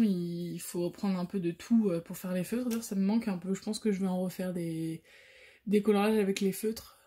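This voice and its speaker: Woman, quiet hushed talk, hesitant fillers, dark mellow tone, casual craft vlog. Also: mid-range voice, slightly rough. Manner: speaks softly, sometimes whispering, so her baby keeps sleeping; hesitant, many fillers and restarts. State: out of breath. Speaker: coloring channel host. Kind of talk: casual show-and-tell vlog.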